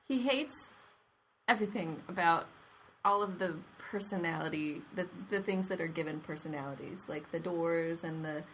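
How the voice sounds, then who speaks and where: Casting: lower-pitched woman, relaxed podcast book chat, faint hiss behind. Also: moderate pace, poor audio. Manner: raises points from her notes. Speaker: podcast co-host. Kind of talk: casual book discussion.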